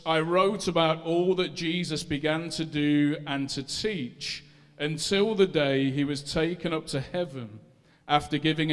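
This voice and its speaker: A man's voice: a little high, clear, resonant tone. A man of about forty with a Leicester accent, a pastor preaching and reading scripture to his congregation. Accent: Leicester, English East Midlands. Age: 40, about to turn 41. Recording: long hall reverb.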